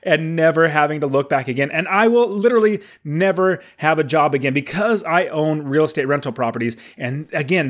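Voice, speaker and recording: A man of forty hosting his podcast, talking in an enthusiastic, encouraging way, with some fillers and restarts. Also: a little high. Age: 40s. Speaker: podcast host. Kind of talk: upbeat podcast monologue.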